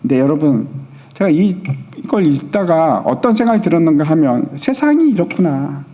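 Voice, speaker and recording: A man's voice: a little high, very animated, normal speed, warm tone. A male pastor preaching a sermon, retelling a story and asking his congregation questions. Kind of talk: sermon at a Friday prayer meeting. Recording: long church hall reverb.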